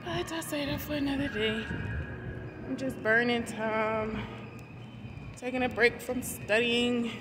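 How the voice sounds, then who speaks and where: A woman in her forties vlogging from her phone while she walks through a mall and then a parking lot, chatty and slangy. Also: on the high side. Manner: slow, chatty, slangy, talks straight to the phone while walking. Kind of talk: casual walking vlog chat. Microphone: phone held at arm's length. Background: background music, traffic and wind.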